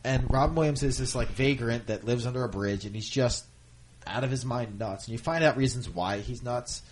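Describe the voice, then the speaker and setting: A man's voice: medium pitch, brisk, a little hiss or hum. A man co-hosting a casual chat, easygoing, asking questions and laughing often. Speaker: podcast co-host.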